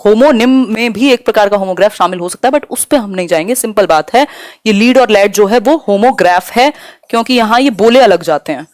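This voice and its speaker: A young woman teaching a live online exam-prep class, explaining terms in a mix of Hindi and English and slowing down to read questions aloud. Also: fairly high pitch, no echo, studio quality.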